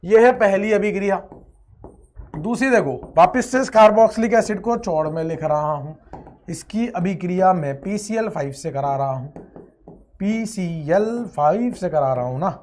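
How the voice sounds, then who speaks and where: A man teaching a chemistry lecture with energy and playfulness. He stretches out words, chants repeated phrases, and swings between loud outbursts and quiet asides. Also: high-pitched, lively intonation, normal speed. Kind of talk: online exam-prep lecture.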